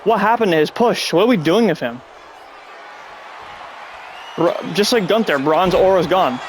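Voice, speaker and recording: A high-pitched, animated man speaks at normal speed over crowd noise and other background sound. He's coming down with a cold, nose stuffed up, as he hosts a casual wrestling review podcast at home. His manner is rambling and sarcastic, often annoyed.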